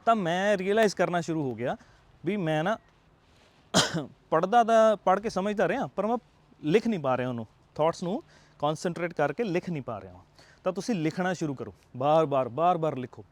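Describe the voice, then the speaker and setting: Earnest Punjabi-accented man, higher voice. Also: lively intonation, brisk. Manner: earnest, coaxing, checks in with rhetorical tags. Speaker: IELTS tutor. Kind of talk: motivational talk to camera.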